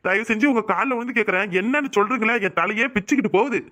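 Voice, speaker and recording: A woman's voice: fairly high pitch, racing, a bit bright, lightly acted. A woman voicing a puzzled, pleading young husband in a Tamil cartoon. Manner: pleading, questioning.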